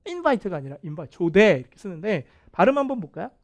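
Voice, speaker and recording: A man teaching English vocabulary in a video lecture, animated and playfully self-mocking. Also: high voice, quick pace. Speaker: English test instructor.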